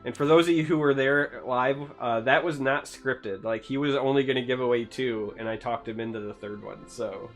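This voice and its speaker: A man's voice: mid-range voice, normal speed, hardly any pauses, faint music behind. A man hosting a gaming podcast in casual chat, explaining things with plenty of fillers and teasing with dry humor. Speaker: podcast host, streamer.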